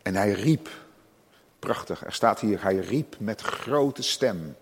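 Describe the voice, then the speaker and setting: Male preacher, husky, impassioned sermon delivery, long reverb of a church hall. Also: lively intonation, slow pace. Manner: impassioned, swells loud and high on emphasis.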